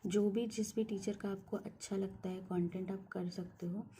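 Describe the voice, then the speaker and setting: A woman's voice: mid-range voice, steady tone, normal speed, background noise. A young woman giving a casual screen-share walkthrough of study resources as a banking exam aspirant, mixing English words into her Hindi with frequent hesitation fillers.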